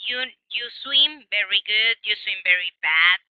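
A woman's voice: mid-range voice, lively intonation, slow pace, dry recording, narrow, tinny audio. A woman with a Mexican Spanish accent teaching an English grammar class, explaining patiently with many examples and switching between Spanish and English.

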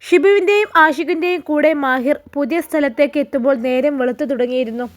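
A woman narrates a family drama story in a steady, dramatic way. Her voice sits high for a woman. The reading is scripted. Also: brisk, no room sound.

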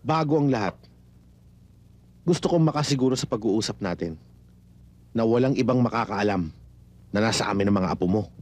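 An actor playing a cold, curt kidnapper. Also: male voice, lowish voice, moderate pace, long pauses, darkish tone, no room sound, natural voice. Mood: menacing. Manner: curt and threatening. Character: cold menacing male kidnapper on the phone. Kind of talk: film drama acting.

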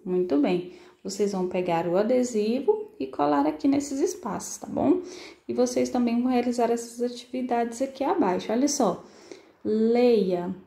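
A woman with a Brazilian Portuguese accent teaching first graders, sounding out syllables slowly and patiently. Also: fairly high pitch, creaky, dark tone, reverberant. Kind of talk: recorded online lesson for children.

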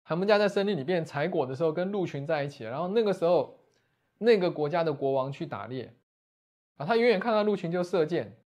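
A man, a Buddhist monastic teacher retelling a scripture story as a lecture, often closing phrases with soft tags. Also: on the high side, lively intonation, quick pace.

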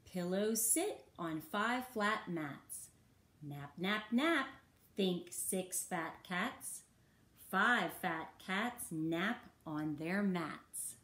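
A woman reading a rhyming picture book aloud for children in a slow, rhythmic sing-song. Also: lowish voice, fairly bright tone. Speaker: children's story reader. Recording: roomy echo.

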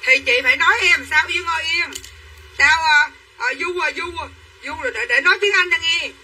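This livestream clothing seller has a very high, bright, forceful voice and talks fairly quickly. She chats her way through a dress sales pitch, addressing viewers as sisters, recorded from a distance with faint room noise.

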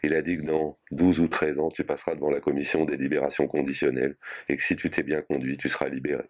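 Brief: male reader voicing an aging mother, tearful, pleading, very deep-voiced reading. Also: level tone, quick pace. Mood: hopeful. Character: grieving aging mother visiting her son in prison.

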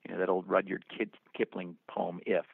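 A man's voice: low-pitched, level tone, normal speed, vocal fry, husky, dry recording. A man answering interview questions in an earnest, storytelling way, calling up scripture and old poems as he reflects on his working life. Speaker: film producer and actor guest. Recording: dry, tinny phone-line sound.

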